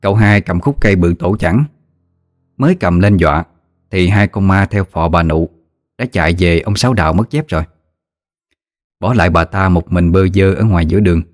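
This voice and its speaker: A man narrating a ghost story in a steady, vivid way. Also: deep voice, moderate pace, long pauses, no echo, clean studio sound. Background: faint music.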